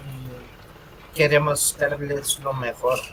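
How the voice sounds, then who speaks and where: Slow, halting bilingual man podcaster. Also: medium pitch, little pitch movement, noisy background. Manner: slow, halting, many ums, switches into Spanish to repeat points. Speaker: podcast co-host. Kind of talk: casual bilingual podcast chat.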